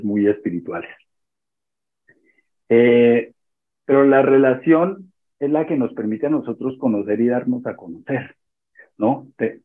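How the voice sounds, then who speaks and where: A man with a husky, slightly breathy voice teaches a church discipleship class to an online group. He speaks in a measured way, often restating a phrase or pausing to find the right word. The sound is thin and phone-like, as on a video call. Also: mid-range voice. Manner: measured, restates phrases and pauses to search for words.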